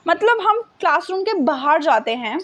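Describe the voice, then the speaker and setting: A young woman tells a personal storytime in a high, bright voice. She is animated and self-mocking, and she drops English words into her speech. The delivery is relaxed and chatty. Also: normal speed, lo-fi sound. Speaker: content creator. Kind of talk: casual storytime.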